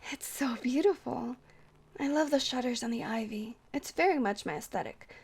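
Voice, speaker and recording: In an ASMR roleplay, a woman plays a shy, friendly vampire who rambles hesitantly, stammers awkwardly, and flirts sweetly. Her voice is a little high and husky, at a normal speed, and the mood is shy, warm, and soft-hearted.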